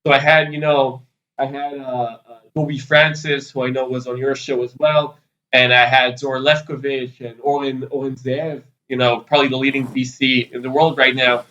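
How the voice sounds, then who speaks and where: A man's voice: mid-range voice, flat delivery, moderate pace, pushed and bright. Rambling Israeli-born man, lo-fi sound. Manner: loose and rambling, full of fillers like "you know" and "kinda". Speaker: podcast guest, PR agency founder. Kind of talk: casual interview answers.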